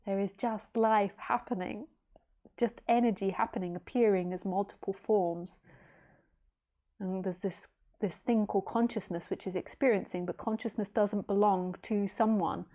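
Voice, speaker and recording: A woman's voice: medium pitch, fairly even intonation, normal speed, mellow. A woman in her late thirties, a spiritual teacher giving a casual philosophical talk in a rambling, easygoing way with jokey asides. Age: late 30s.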